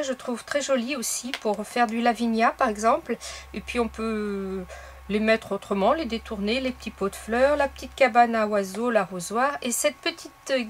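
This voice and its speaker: A woman hosting a casual crafting tutorial, explaining each step in a chatty way with soft fillers. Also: a little high, a little hiss or hum. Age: adult. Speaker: craft video host.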